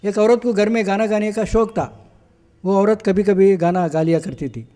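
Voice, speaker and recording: High, mellow joke teller. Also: male voice, moderate pace, big-room sound. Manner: storytelling, full of repeats and verbal fillers. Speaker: mimicry and joke performer. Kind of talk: stand-up joke telling.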